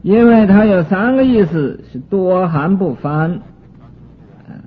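A man giving a Buddhist sutra commentary lecture, explaining terms slowly with many drawn-out fillers. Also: high-pitched, lively intonation, a little hiss or hum. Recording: tinny lo-fi recording with faint music.

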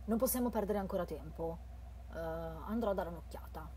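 A woman's voice: on the low side, a little fast, dark tone, slight background noise, lightly acted. A woman reading the lines of a decisive young male companion in a horror game, in her own everyday voice. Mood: resolute. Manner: plain reading of a character line.

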